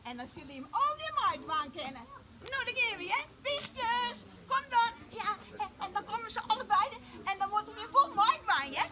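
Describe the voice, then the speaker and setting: A woman voicing a lively hand puppet in a children's puppet show, chatting and calling out to the children in the audience. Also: very high voice, normal speed. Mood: playful. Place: outdoors at a village festival. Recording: loud crowd and noise outdoors. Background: loud crowd of children and festival noise.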